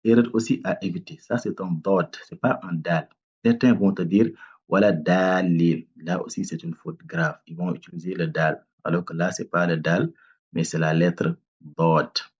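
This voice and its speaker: A man teaching tajwid, patiently breaking down each word and repeating it slowly to correct common student mistakes. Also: low-pitched, steady tone, husky, highs cut off. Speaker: Quran recitation teacher. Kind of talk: tajwid lesson with demonstrated recitation.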